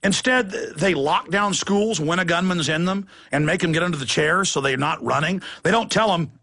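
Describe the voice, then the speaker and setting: Man, radio host, heated monologue, bright, raspy voice. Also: sits high, normal speed. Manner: heated, indignant, slips into mocking voices. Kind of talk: ranting talk-show monologue.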